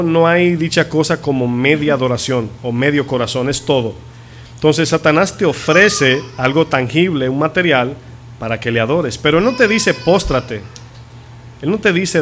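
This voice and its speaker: A man who is a pastor preaching a sermon in a church, asking the congregation questions and drawing out key words slowly for emphasis. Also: fairly high pitch, slight background noise. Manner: teaching, asks the congregation questions.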